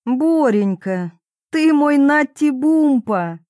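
A woman voicing a cheerful, unflappable middle-aged mother who chirps and coos in a high voice. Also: steady tone, measured pace, darkish tone, dry recording, clean studio sound. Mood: chirpy. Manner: chirping, cooing, lightly lisping baby talk.

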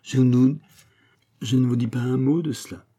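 A man's voice: mid-range voice, normal speed, warm tone, pitched above the performer's own voice, lightly acted. A man voicing a naive, sly young village man who pleads in a mock-polite, wheedling way. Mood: pleading.

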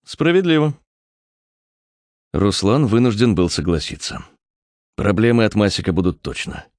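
A man narrating an audiobook with a measured, expressive reading. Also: on the low side, no echo. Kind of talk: scripted narration.

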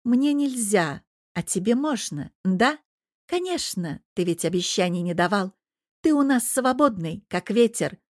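A woman voicing a fiery, jealous young woman who hurls sharp, furious accusations at her lover. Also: on the high side, a little slow, hardly any pauses, dry recording, studio quality, voice pushed up.

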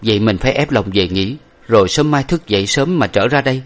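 A man voicing a dignified, grief-stricken young gentleman in a storybook, with a measured manner. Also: on the low side, natural voice. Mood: weary.

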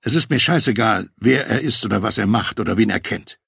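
Cocky mob guy, slow lazy drawl, low and gravelly, guy reading it. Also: expressive, fairly bright tone, no room sound, studio quality, full character voice. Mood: defiant. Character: defiant cocky male mobster, foul-mouthed.

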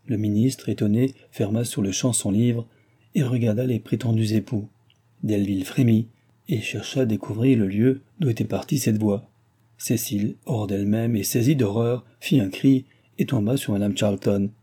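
A man reading a classic novel aloud in a steady, measured narration. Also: lowish voice, slightly rough. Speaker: audiobook reader.

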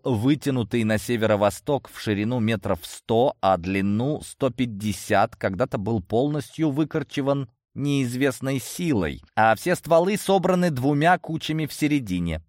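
A man narrating a fantasy novel in the first person, wry and expressive. His voice moves widely in pitch and sits dry and close to the mic, with mid-range pitch. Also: dry recording. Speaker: audiobook narrator.

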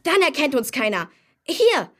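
In this children's radio play, a young actor gives a full character voice to a talkative, self-assured boy superhero fond of explaining. His high voice swings widely in pitch, unhurried and fairly bright, while he sounds easygoing, keen and explanatory.

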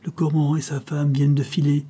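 A man's voice: fairly high pitch, monotone, fast, warm tone, husky, voice pushed up. A man reading the part of a cold-blooded male henchman who answers his master in a subdued, deferential way.

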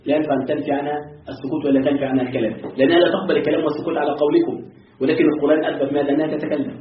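A man's voice: on the high side, flat delivery, rapid-fire, a little hiss or hum. A man teaching a religious lesson, chanting verses and asking his students rhetorical questions. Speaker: sheikh teaching Quran commentary. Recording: echoey, distant, phone-like lo-fi.

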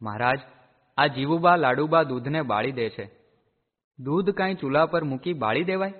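Guy reading as a blunt village cowherd from an old devotional storybook, rough plain-spoken talk, echoey and tinny like a phone line. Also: a little high, expressive, moderate pace. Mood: complaining. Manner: gruff, complaining. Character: blunt, simple-hearted male village herdsman.

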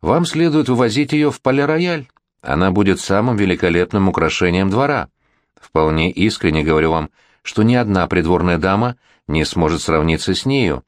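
A man's voice: sits low, animated, moderate pace, no echo, studio quality. A man voicing a worldly, flirtatious middle-aged prince regent in a gallant, insistent manner.

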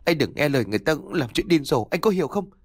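A man voicing a young pregnant wife who is fierce and terrified, with a shrill, pleading manner. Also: expressive, normal speed, no room sound, clean studio sound. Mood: furious.

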